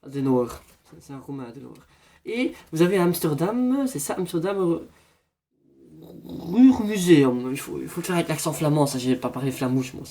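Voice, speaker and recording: A man's voice: a little high, very animated, brisk, warm tone. A man doing a parody horoscope reading, rambling in a mock-solemn fortune-teller manner. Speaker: comedian.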